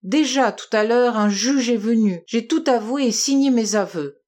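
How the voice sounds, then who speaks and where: A woman's voice: on the high side, moderate pace, darkish tone, lightly acted. A woman reading aloud and voicing a despairing male murder suspect in his thirties who bursts into rage. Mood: raging.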